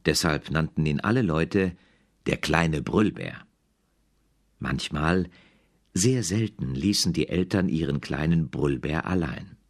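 A man narrating a children's audiobook in an expressive storytelling manner. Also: very deep voice, takes it slowly.

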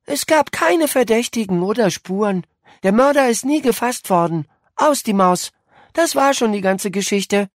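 A woman voicing a sharp-tongued, easily bored girl in an audiobook, dismissive and snippy. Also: fairly high pitch, animated, moderate pace, dry recording, clean studio sound, pitched above the performer's own voice.

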